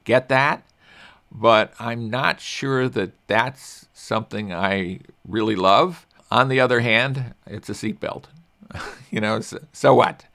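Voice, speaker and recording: A man's voice: mid-range voice, slow, sharp tone. Chatty older male car-show host. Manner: chatty, self-deprecating, many restarts. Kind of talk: casual car-review talk.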